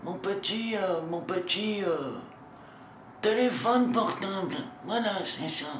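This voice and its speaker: A man who hosts a channel announces meetups in character as a cranky, foul-mouthed old lighthouse riddle-keeper, grousing at the viewer through a sore throat in a comic sketch. His voice is high and slow. The sound is reverberant with a little background noise.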